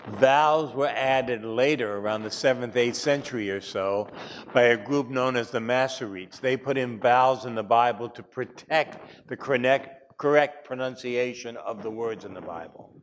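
A man's voice: mid-range voice, normal speed, a little hiss or hum. A man teaching a class, chatty, with wry asides and frequent fillers. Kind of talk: classroom lecture.

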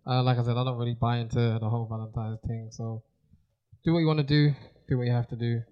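A man's voice: mid-range voice, fairly even intonation, quick pace. A man co-hosting a podcast, signing off in a casual way. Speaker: podcast co-host. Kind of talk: casual sign-off. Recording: dull lo-fi sound.

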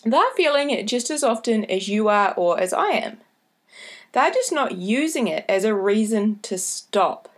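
A woman with a broad New Zealand accent hosting a solo podcast, giving motivational advice in a careful, deliberate way. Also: a little high. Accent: broad New Zealand (Kiwi). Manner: deliberately slowed, careful delivery with repeated key points. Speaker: podcast host.

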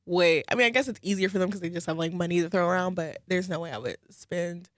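A young woman chatting casually, full of fillers and quick impressions of people she quotes. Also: lowish voice, no echo, studio quality. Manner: laid-back, lots of fillers, mimics people with quick quoted asides. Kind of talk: casual chat.

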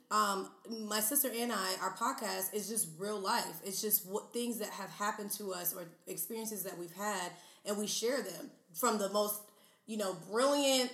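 A woman in her mid-twenties, a podcast guest talking in a chatty, animated way with many fillers. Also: mid-range voice. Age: 20s. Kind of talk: casual interview chat. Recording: roomy echo.

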